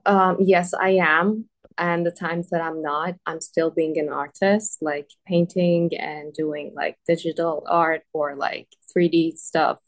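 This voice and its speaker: A woman's voice: low voice, fairly even intonation, takes it slowly, hardly any pauses. A woman from Iran, a native Persian speaker, answering interview questions as an artist guest, hesitant and full of "um" and "like". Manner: hesitant, laughs often, says "like" and "um".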